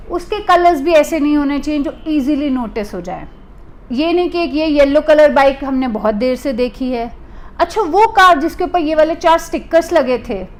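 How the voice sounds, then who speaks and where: High-pitched indian detective lady explaining stuff slowly to camera, keeps restating her point. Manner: deliberate, restates points for emphasis. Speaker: private detective agency owner.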